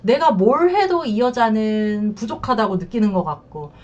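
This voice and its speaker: Blunt female marriage counselor, animated delivery, lo-fi sound. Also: on the high side, normal speed. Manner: frank, blunt, acts out quotes. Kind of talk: advice talk to camera.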